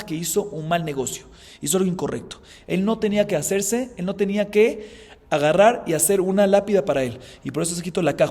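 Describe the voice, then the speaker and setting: Rabbi teaching Talmud in a reverberant hall. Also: male voice, a little high, a little mellow, slightly rough. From Colombia. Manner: explanatory, frequent "¿sí?" check-ins, chants Hebrew and Aramaic passages. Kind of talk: Talmud class.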